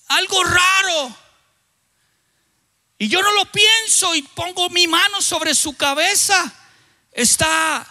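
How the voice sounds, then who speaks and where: Brief: male pastor from Colombia, high bright voice, vivid story sermon. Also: long reverb tail. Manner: vivid storyteller, halting restarts, sudden loud bursts.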